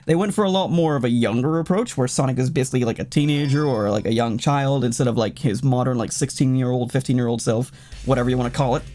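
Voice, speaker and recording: Speaking fast in a medium-pitched voice, this man chats to the game as he plays, giving loose, rambling let's-play commentary. There's a slight hiss or hum, and loud video game music plays behind him.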